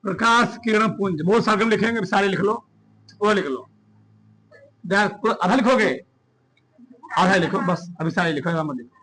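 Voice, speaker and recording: A male physics teacher dictating a classroom lecture, repeating phrases slowly and quizzing his students. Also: sits high, pushed and bright.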